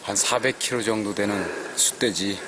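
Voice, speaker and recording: A man who hunts with dogs, speaking unscripted and plainly, a little haltingly, in a documentary interview. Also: fairly low pitch. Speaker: hunter and dog handler. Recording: noisy outdoor field recording.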